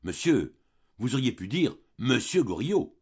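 A man reading the lines of a proud, quick-tempered aristocratic count in an audiobook, curt and stiff. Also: medium pitch, very animated, darkish tone, slightly rough, lo-fi sound. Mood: indignant.

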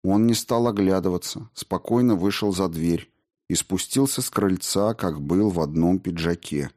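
Low-voiced male audiobook narrator. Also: normal speed, darkish tone. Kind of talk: scripted narration.

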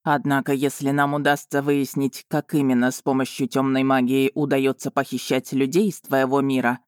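A woman voicing a proud, brooding male dragon lord who speaks in a cool, measured, slightly mocking way. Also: extremely low pitch, little pitch movement, clean tone, dry recording, studio quality. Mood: calm.

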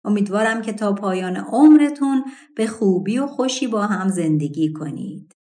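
A generous, grateful king from a storybook, read by a woman. He presses his questions eagerly and coaxingly. The voice stays at an everyday pitch. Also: animated, dark tone, natural voice. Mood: warm, coaxing.

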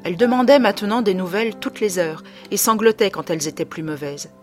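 A woman narrating a classic story as an audiobook reader, clear and expressive. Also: mid-range voice, brisk, soft background music. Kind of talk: scripted narration.

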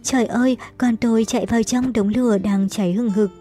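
A woman's voice: fairly high pitch, steady tone, a little fast, dark tone, soft background music, close to an everyday voice. A woman voicing a desperate older father crying out in terror. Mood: panicked.

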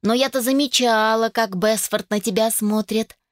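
A woman's voice: on the high side, steady tone, moderate pace, no echo, clean studio sound, voice pushed up, natural voice. A woman voicing a smug, insistent young girl cousin who claims she knew all along.

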